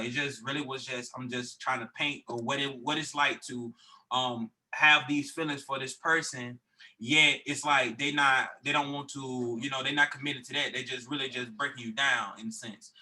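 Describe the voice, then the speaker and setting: A man's voice: medium pitch, fairly even intonation, normal speed, bright, forceful tone, rough recording. A man, a recording artist guest, talking casually in a podcast interview, loose and rambling with many fillers and restarts.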